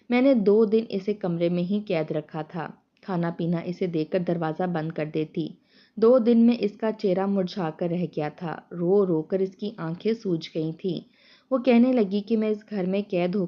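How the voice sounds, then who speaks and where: Woman narrating a dramatic story. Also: fairly low pitch. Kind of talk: first-person story narration. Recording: dull lo-fi sound.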